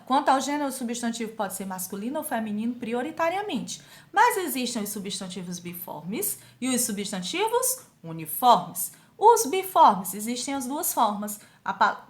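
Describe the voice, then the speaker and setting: A woman with a Brazilian Portuguese accent leads a grammar review for young students. Her voice sits a little high, and she drags out key words for emphasis and asks quick check-in questions. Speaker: teacher. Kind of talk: grammar review lesson for sixth graders.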